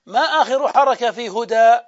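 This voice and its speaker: A man teaching a classroom grammar lesson. He explains step by step, asks his own questions and answers them, and draws out example words as he repeats them. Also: very high-pitched. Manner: drawn-out repetition of example words. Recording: dull lo-fi lecture recording.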